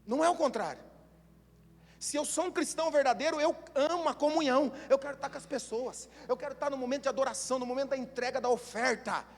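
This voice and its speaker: A Brazilian man preaching a sermon as pastor, telling animated stories and building up to shouts. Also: very high-pitched, fast talker, hardly any pauses. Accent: Brazilian Portuguese. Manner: animated storytelling, acts out voices, builds to shouting. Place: church hall. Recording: long church hall reverb.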